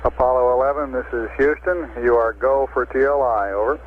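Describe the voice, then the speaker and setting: A man's voice: medium pitch, brisk. A man working as a mission control radio communicator, speaking in clipped procedural calls over a crackly military-style radio link. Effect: crackly military-style radio transmission. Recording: crackly, tinny narrowband archival radio link.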